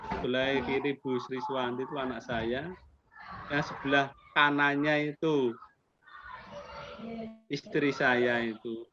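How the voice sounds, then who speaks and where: This accreditation assessor, a Javanese-accented man in his fifties with a mid-range voice, interviews teachers over a video call. He is friendly and chatty and slips in Javanese politeness words. The audio is muffled and has background noise.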